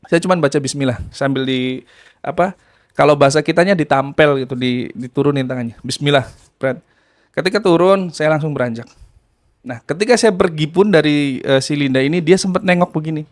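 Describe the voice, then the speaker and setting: A man from Indramayu casually telling a true story, acting out voices and laughing as he goes. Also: a little high. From Indramayu, West Java. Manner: lively, acts out quoted voices, laughs while telling.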